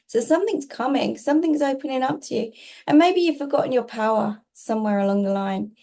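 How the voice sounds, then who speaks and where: A woman's voice: a little high, a little fast, gravelly, warm tone. A woman tarot reader giving casual spiritual guidance, reassuring and emphatic, often repeating herself in short phrases.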